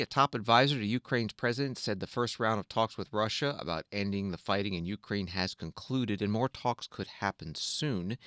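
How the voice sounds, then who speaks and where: Low-voiced man reading news, dry studio. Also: fairly bright tone, dry recording. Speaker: radio news host. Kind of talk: scripted news narration.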